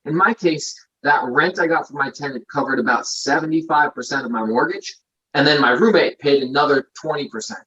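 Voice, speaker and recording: A man's voice: a little high, brisk, bright, forceful tone. A man in his thirties, a guest in a casual interview, explaining things confidently with lots of figures. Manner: confident, explanatory, numbers-focused. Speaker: guest investor. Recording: dull lo-fi audio.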